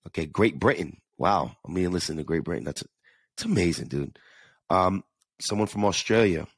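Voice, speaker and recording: A man's voice: sits low, lively intonation, normal speed, breathy edge, no room sound. A man with a New York–New Jersey accent, hosting a casual solo podcast and talking earnestly, often repeating words as he goes. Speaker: podcast host.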